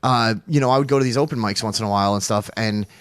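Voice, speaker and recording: A man's voice: lowish voice, quick pace, clear, resonant tone, no echo. A man hosting a podcast, bantering casually and critically in blunt, sweary language. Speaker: comedy podcast host.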